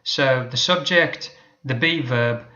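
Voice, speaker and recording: A man teaching an English lesson, explaining patiently and modelling example sentences slowly. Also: mid-range voice, pushed and bright, lo-fi sound.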